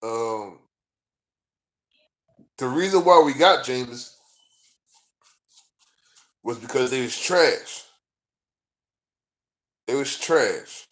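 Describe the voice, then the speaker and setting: A man's voice: mid-range voice, expressive, very slow, long pauses, a bit bright. A man vlogging as a sports fan, ranting in a profane, frustrated and rambling way, full of fillers. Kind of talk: casual rant to camera.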